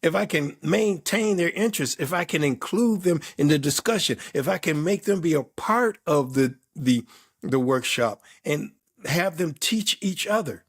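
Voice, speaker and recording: With a fairly high, animated voice carrying a breathy edge, this performance coach in his fifties or older speaks at a moderate pace. Answering interview questions, he sounds emphatic and reflective, stacking repeated words into lists.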